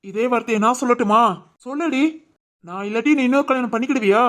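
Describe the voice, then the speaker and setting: A performer voicing a young husband in an animated family story, scolding insistently in southern Tamil Nadu village speech. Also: medium pitch, lightly acted. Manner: scolding, insistent, drawn-out questioning. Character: young husband, teasing then stubborn, hot-tempered. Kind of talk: animated family drama dialogue.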